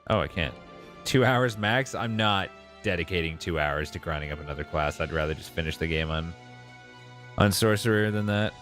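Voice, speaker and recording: A man doing casual live game commentary, thinking out loud and answering viewers as he plays. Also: deep voice, moderate pace. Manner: reads and answers viewers' messages aloud. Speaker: game streamer. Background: game music.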